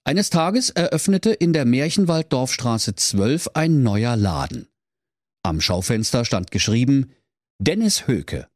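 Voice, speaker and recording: A man's voice: mid-range voice, big pitch swings, unhurried, darkish tone, no room sound, clean studio sound. A man narrating a comic fairy tale in a playful, theatrical way. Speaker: storyteller.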